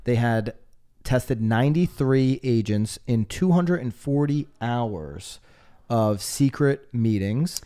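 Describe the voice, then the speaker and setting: A man's voice: medium pitch, animated, takes it slowly, mellow, clear, resonant tone. A man co-hosting a real estate podcast, chatting casually and walking through statistics with energy. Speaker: podcast co-host.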